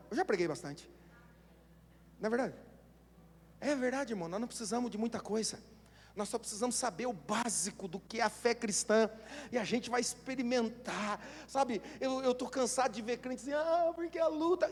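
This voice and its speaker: A Brazilian man preaching a sermon as pastor, telling animated stories and building up to shouts. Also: very high-pitched. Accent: Brazilian Portuguese. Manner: animated storytelling, acts out voices, builds to shouting. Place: church hall. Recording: long church hall reverb.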